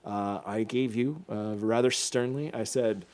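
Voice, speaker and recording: A male stream host talking in a dreamy, hushed put-on storytelling voice, halting and repeating his words, drifting a little from the mic. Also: lowish voice, long reverb tail. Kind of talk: casual live-stream chat.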